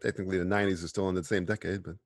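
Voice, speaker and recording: A man's voice: sits low, little pitch movement, racing. A man giving casual film commentary as a co-host, teasing and wisecracking with friends. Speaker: co-host of a movie watch-along.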